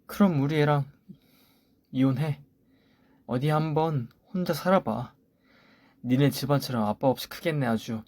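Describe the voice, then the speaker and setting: A man voicing a sharp-tongued scornful mother-in-law. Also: mid-range voice, normal speed, long pauses, dry recording, lightly acted. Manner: scolding, cutting remarks. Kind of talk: story radio voice acting.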